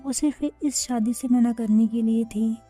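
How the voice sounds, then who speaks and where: Storybook lead, read by a woman: quiet sincere young man, soft and halting, warm mellow voice. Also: fairly high pitch, fairly even intonation, breathy edge, faint music behind. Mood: earnest.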